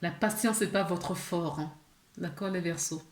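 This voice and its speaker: Slow, chatty woman reading tarot. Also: fairly low pitch, echoey room. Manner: chatty, laughs often, many fillers and restarts. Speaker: tarot card reader. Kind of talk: casual tarot reading for viewers.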